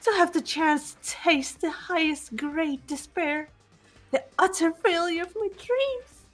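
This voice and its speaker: In fan voice acting of a video game script, a woman plays a manic teenage girl mastermind villain, theatrically mocking and gushing in an ecstatic, gloating mood. Her voice is very high and pushed upward, delivered slowly with faint music behind.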